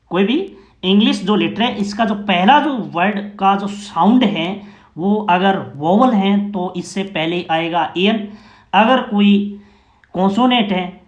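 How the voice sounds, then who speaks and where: A man's voice: sits high, slow, reverberant, dull audio. A man explaining English grammar to learners in Hindi, patient and repetitive, often asking rhetorical questions and checking that his listeners follow.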